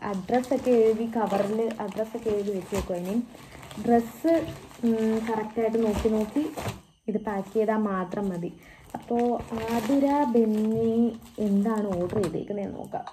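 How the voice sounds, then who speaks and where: A woman's voice: medium pitch, dark tone, slight background noise. A woman chatting casually in a day-in-my-life vlog, adding friendly tags to her sentences. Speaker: vlogger.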